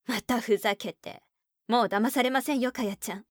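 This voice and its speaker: An irritated middle-aged mother, voiced by a woman narrator, scolds her daughter sharply and with exasperation. Her pitch sits a little high, and the recording is dry and close. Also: moderate pace, no room sound, close to an everyday voice. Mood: exasperated.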